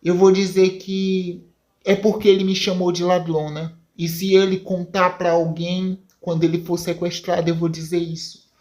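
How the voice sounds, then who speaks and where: A woman voicing a scheming villainous mother who plots in a low, hushed, deliberate voice. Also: flat delivery, close to an everyday voice.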